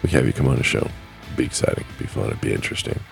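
A man's voice: extremely low pitch, steady tone, very fast, creaky, faint music behind. A man hosting a casual solo podcast, rambling and plainspoken, choking up with grief. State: grieving, choking up. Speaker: podcast host.

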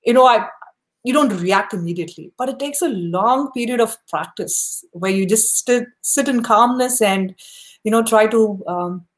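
A woman with a fairly high-pitched voice hosts a live podcast, speaking at normal speed. Upbeat and encouraging, she chats casually with her guest in an interview and leans a lot on "you know."

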